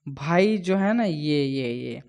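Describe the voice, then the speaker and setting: Going slowly, a man with a fairly high but gravelly, darkish voice and lively intonation works through exam-prep questions for his students, switching between Hindi and English. Nearly every line ends with a chatty check like "है ना" or "ठीक है".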